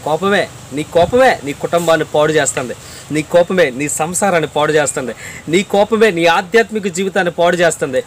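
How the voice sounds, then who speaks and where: Earnest preacher man, high voice. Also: brisk, slight background noise. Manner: earnest, repeats phrases for emphasis, addresses listener directly.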